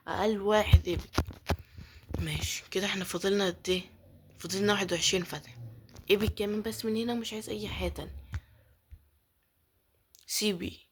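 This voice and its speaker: In a mid-range voice over slight background noise, a woman with an Egyptian Arabic accent gives casual commentary as a gaming YouTuber. She pleads, mutters prayers and often lowers her voice to a whisper.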